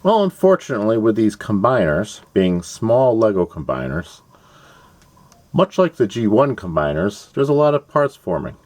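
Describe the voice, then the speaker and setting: A man with a very low voice hosts a casual build tutorial, walking through each step one by one. His pitch moves up and down a lot as he talks, and he drops in playful asides. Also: sing-song, unhurried, darkish tone, dry recording. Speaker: host of a toy-building channel.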